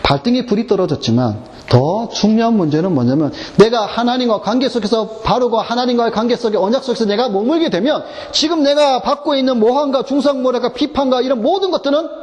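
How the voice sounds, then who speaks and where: A man's voice: extremely high pitch, brisk, darkish tone, in a large hall. A man preaching a sermon as pastor, asking the congregation rhetorical questions. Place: church.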